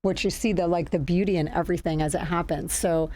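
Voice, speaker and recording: A woman's voice: on the low side, fairly even intonation, quick pace, darkish tone. A woman hosting a health interview show, welcoming her guest in an effusive, gushing way. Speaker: show host. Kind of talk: casual interview.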